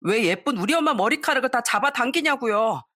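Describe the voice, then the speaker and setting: A woman's voice: on the high side, expressive, a little fast, pushed and bright, voice pushed up. A woman voicing a defiant eleven-year-old boy who speaks up in a pointed, reproachful way.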